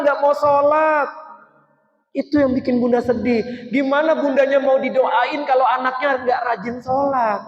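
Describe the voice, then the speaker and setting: A man, a children's storyteller and preacher, giving an earnest, emotional religious talk and coaxing children to act. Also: very high-pitched. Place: large echoing mosque hall. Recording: echoey hall, muffled sound, faint background noise.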